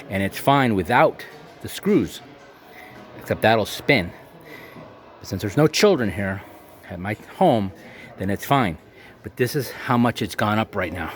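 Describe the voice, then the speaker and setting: Low-voiced excited man vlogging. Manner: excitable, chatty, talks to viewers as "folks". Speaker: vlogger touring a thrift store. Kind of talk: casual vlog narration. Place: indoor resale store.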